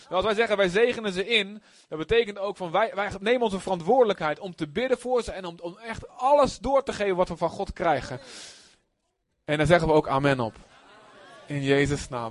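A man's voice: sits high, dry recording. A man leading a church service as pastor, declaring blessings with repeated phrases and speaking in tongues. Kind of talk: sermon and blessing prayer.

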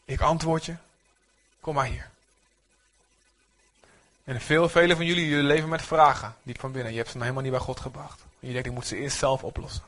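A man preaching a sermon to a congregation, animated and calling for amens. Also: medium pitch, very fast, few pauses. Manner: animated, rising to near-shouts when voicing prayers; speaks to the congregation, asks for amens. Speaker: pastor.

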